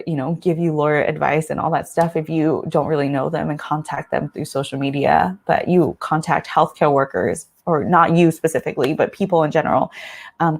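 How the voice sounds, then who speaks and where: Young woman, family doctor, casual vlog, emotional and earnest, near tears, fry in her voice. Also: sits low. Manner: emotional, earnest, many fillers.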